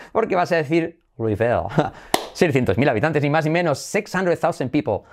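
A man's voice: a little high, lively intonation, moderate pace, background noise. A man from Spain with a Spanish accent giving a bilingual pronunciation lesson, playful and repeating words with exaggerated emphasis. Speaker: English pronunciation teacher.

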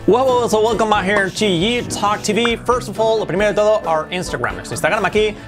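A young man with a Spanish accent from Spain, teaching an English lesson in Spanish. He speaks with energy and repeats English phrases slowly, then quickly. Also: high-pitched, music in the background. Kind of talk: bilingual video lesson.

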